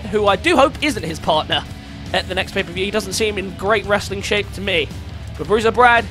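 Excitable high-voiced male wrestling commentator. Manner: excitable, rising to shouts at big moves.

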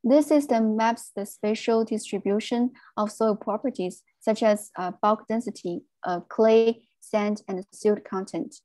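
A woman giving a technical presentation on a video call, speaking in a measured way with frequent fillers. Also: mid-range voice, warm tone, no echo.

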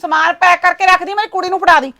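A woman's voice: extremely high pitch, fairly even intonation, quick pace, creaky, bright, forceful tone, full character voice. A woman playing a quarrelsome village housewife, bossy and blunt. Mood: scolding. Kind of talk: comedy skit acting.

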